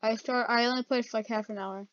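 A woman's voice: on the high side, fairly even intonation, fast, fairly bright tone. A woman giving casual gameplay commentary, her speech slightly altered by wearing dental retainers. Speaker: gamer hosting a playthrough. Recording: dull lo-fi mic, keyboard clicks.

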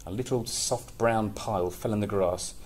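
Here a man in his thirties with a lowish voice reads a picture book aloud at a moderate pace, performing it expressively and adding casual, playful asides as he goes. The setting is a small, plain office-like room, and the recording is clearly noisy.

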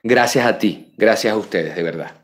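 A man in his thirties with a Venezuelan Spanish accent hosts a live political commentary show, reading viewer messages from a room lined with bookshelves. His fairly low voice moves at a moderate pace, turning emphatic and rising sharply on key names before dropping to quiet asides. He's captured by a webcam at his desk.

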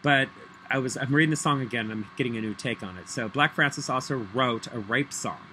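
A middle-aged man vlogs into his laptop webcam from a small room at home, ranting angrily, rambling, swearing often, and breaking into loud off-key singing. His mid-range voice is fairly quick, and the rough recording has slight background noise.

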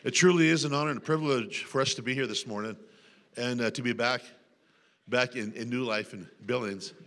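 A male guest pastor preaching a sermon in a church, leading shouted call-and-response with the congregation and often clearing his throat. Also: mid-range voice, a little fast. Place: church sanctuary.

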